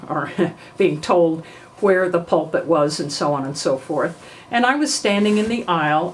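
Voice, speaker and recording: An older woman from New York telling family memories in an unhurried way, often clearing her throat. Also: lowish voice, a little hiss or hum, poor audio. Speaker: family memoir narrator. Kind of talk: reminiscing oral history.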